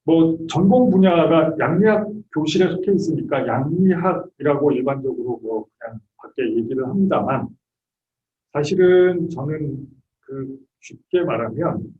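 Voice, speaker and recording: A South Korean medical school professor in his fifties gives an introductory lecture to graduate students, explaining things conversationally. His voice is fairly high and expressive at a moderate pace, and the audio is dull, recorded in an echoey room with a distant microphone.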